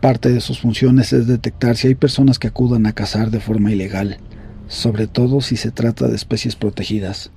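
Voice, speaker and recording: A man reading horror stories aloud in a grave, measured storytelling voice. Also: medium pitch, steady tone, gravelly, dark tone, slightly rough. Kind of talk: scripted horror story narration.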